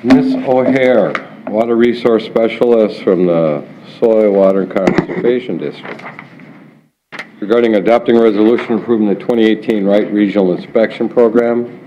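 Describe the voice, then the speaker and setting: Guy chairing a county board vote, lowish voice, dull muffled meeting audio. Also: moderate pace, background noise. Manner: formal, procedural.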